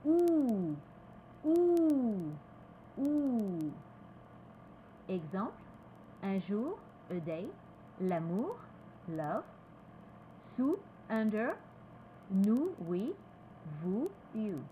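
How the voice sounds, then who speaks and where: A woman with a French accent teaching pronunciation, repeating each word slowly and switching between French and English. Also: medium pitch, sing-song, dark tone, lo-fi sound, a little hiss or hum. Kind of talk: slow, careful pronunciation lesson.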